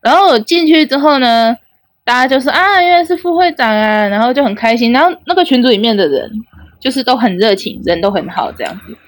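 A woman's voice: a little high, lively intonation, quick pace, no room sound. A young woman with a Taiwanese Mandarin accent telling a personal story in a chatty way, full of filler tags. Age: young adult. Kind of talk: casual personal anecdote.

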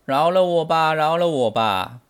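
A man's voice: mid-range voice, very animated, unhurried. A man voicing a huge, arrogant male demon king with a sneering manner, for a children's storybook. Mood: begging.

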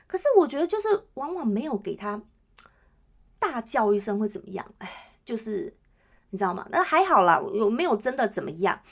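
A woman host, chatting on her own podcast and often checking in with listeners. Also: fairly high pitch. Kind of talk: casual solo chat.

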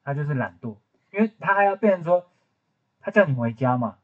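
Fast talking guy, raspy, teasing his cohost, muffled lo-fi audio. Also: on the high side, animated. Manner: teasing, quick interjections. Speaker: podcast co-host. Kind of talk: casual chat. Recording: dull lo-fi podcast audio.

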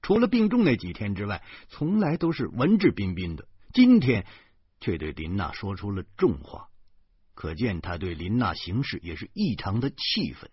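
A man reading a serialized novel aloud with lively storytelling. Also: lowish voice, husky, no echo, lo-fi sound. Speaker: audiobook reader.

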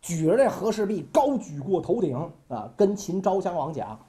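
A man's voice: high voice, very animated, moderate pace, mellow. A man telling history as a comic story, colloquial with chatty asides.

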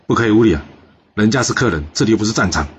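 A man voicing a calm, generous male ancient king who talks in an easygoing, reassuring way. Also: on the low side, rapid-fire, a little hiss or hum, close to an everyday voice.

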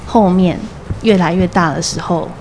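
Lively woman, low-pitched, telling a story. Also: slight background noise. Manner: animated storytelling, acts out the doctor's slow replies. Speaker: guest, mother of a premature baby. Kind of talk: casual conversation.

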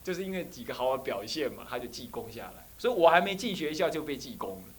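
A man, a Buddhist abbot giving a dharma class to monastic students and telling personal stories in an animated way. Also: mid-range voice, fast. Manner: animated storyteller who acts out dialogue.

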